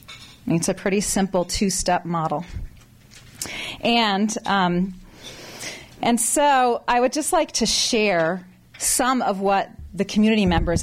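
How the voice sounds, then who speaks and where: A woman doctor giving a conversational public talk to a meeting audience, animated, with restarts and asides. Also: medium pitch.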